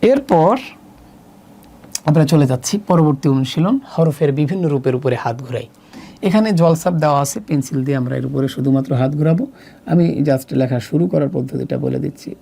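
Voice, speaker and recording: A Bangladeshi Bengali-accented man teaching Arabic letters to children, slowly and patiently, repeating each letter as he points. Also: on the high side, creaky, warm tone. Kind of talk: step-by-step workbook lesson.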